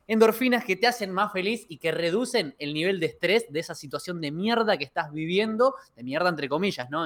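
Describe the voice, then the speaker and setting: Argentine-sounding guy on a zoom podcast telling stories, acts out all the voices. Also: sits high. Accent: Rioplatense Spanish. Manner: lively storyteller who acts out dialogue. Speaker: podcast co-host. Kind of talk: casual chat, storytelling. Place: home, recorded over video call. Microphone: video call.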